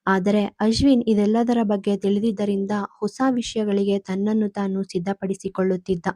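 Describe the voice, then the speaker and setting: A woman storyteller narrating a family drama in a calm, even manner. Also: medium pitch, moderate pace, no echo, studio quality. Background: soft music.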